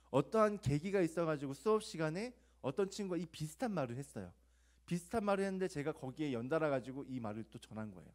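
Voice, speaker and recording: Young guy preaching to teens, slightly high voice, chatty storytelling, throws in loud acted-out quotes. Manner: conversational, confessional storytelling with rhetorical questions; acts out quoted voices with sudden loud outbursts. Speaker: youth pastor. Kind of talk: sermon to teenagers.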